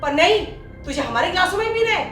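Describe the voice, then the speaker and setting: A woman's voice: very high voice, sing-song, fast talker, fairly bright tone, full character voice. An actress playing a proud, casteist mother-in-law who scolds her daughter-in-law and her maid with contempt. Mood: scolding. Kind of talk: short film acting. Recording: echoey room with music.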